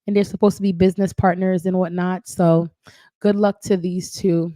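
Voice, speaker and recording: Low, mellow-voiced woman host. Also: flat delivery, moderate pace, no echo. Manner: chatty, repeats words, frequent "right?" tags. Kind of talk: casual commentary on celebrity gossip.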